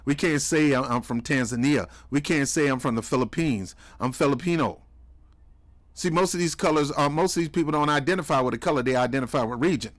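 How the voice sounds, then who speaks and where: Male commentary host, slightly high voice, preachy and mocking. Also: fairly quick. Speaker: commentary host reacting to clips. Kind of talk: heated political commentary.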